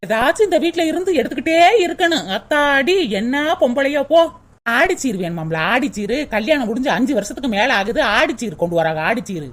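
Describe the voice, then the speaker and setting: A woman voicing a sharp-tongued young daughter-in-law in a cartoon, grumbling sarcastic asides. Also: high voice, lively intonation, fairly quick, hardly any pauses.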